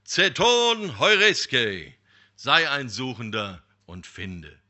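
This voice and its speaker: A man's voice: mid-range voice, sing-song, very slow, pushed and bright, exaggerated voice. A man voicing God in a spoken parable, pronouncing in a solemn way. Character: God granting a wish, solemn.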